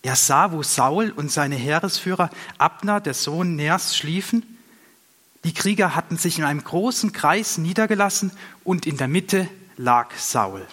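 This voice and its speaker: A man narrating a Bible story aloud in a steady, measured storytelling manner. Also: on the high side. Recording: long reverb.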